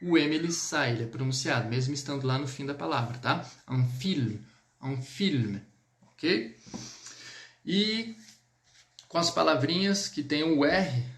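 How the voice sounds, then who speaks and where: Brazilian male French teacher, gravelly voice a bit high, patient live-lesson delivery. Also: animated, a bit bright, roomy sound. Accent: Brazilian Portuguese. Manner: patient, repeats words slowly, checks in with "tá?". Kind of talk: live online language lesson.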